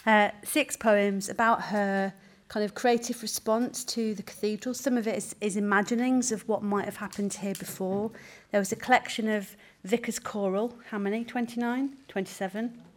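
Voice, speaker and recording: A woman's voice: medium pitch, fairly even intonation, moderate pace. Chatty woman introducing a poet. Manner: chatty, with hesitant fillers. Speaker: poetry mentor introducing a reader. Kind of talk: spoken introduction at a reading. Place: cathedral.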